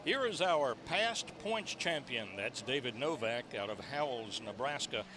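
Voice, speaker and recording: A man's voice: mid-range voice, lively intonation, a little slow. A man hosting as a tractor pull announcer, presenting play-by-play commentary. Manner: presentational, introducing and recapping. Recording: noisy outdoor track with engine noise. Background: outdoor ambience and vehicle engines.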